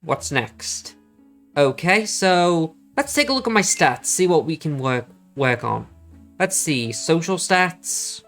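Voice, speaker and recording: A woman's voice: low-pitched, expressive, takes it slowly, a bit bright. A woman doing let's play commentary, thinking aloud and chatting to viewers as she reads the game. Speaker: game streamer. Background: game music.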